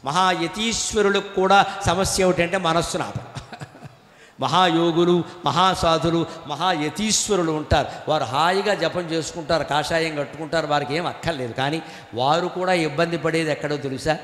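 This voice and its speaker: Lively high-voiced man giving a discourse in a hall. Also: moderate pace. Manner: animated, teasing, chants Sanskrit verses. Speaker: spiritual lecturer. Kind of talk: Telugu religious discourse. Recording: echoey hall.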